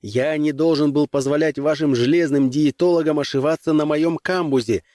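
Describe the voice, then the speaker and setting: A man's voice: fairly high pitch, steady tone, normal speed, dark tone, no echo, studio quality, pitched above the performer's own voice, lightly acted. A man doing a hot-tempered young starship captain. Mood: defiant. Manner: heated, defiant, barking.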